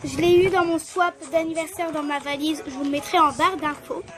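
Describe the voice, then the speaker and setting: A very high-pitched woman talks her way through a casual cooking video, explaining every step in a chatty way. Music plays clearly underneath her voice. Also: steady tone, a little fast. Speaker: vlogger.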